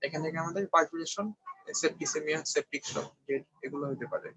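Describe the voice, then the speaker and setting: A young adult man from Bangladesh delivers an online medical review lecture, walking through the material step by step and frequently checking that his students are keeping up. His voice is fairly high and steady in tone, fast, pushed and bright. The dry recording has no echo and sounds dull and slightly lo-fi.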